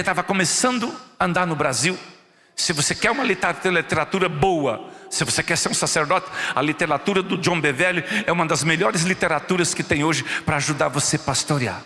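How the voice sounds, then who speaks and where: A man's voice: on the high side, long reverb tail. A man with a Brazilian Portuguese accent preaching a sermon as pastor, telling stories and acting out the voices of the people in them. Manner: animated storytelling, acts out quoted voices. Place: church.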